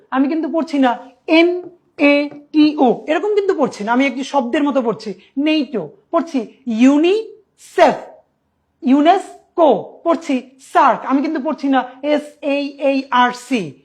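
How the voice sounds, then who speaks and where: A woman with a Bangladeshi Bengali accent teaches a grammar lesson at a board. She explains step by step, asks questions and answers them herself, and draws out key words slowly for emphasis. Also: high voice, a little mellow, breathy edge.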